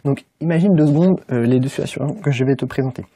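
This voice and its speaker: A young man from France talks straight to his viewers in a relaxed, informal way, pausing often on filler sounds as he thinks aloud. His voice is husky and dark in tone. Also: mid-range voice, dry recording. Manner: informal, many "euh" fillers, speaks directly to viewer. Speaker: English-learning YouTuber. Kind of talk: casual motivational talk to camera.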